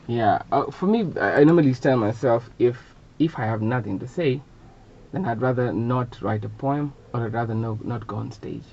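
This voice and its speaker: A man with a Kenyan accent, a spoken word poet guest on a radio show, telling animated stories and mixing Swahili with English, laughing often. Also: mid-range voice, normal speed, gravelly. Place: radio studio. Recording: slightly dull radio studio audio with faint noise.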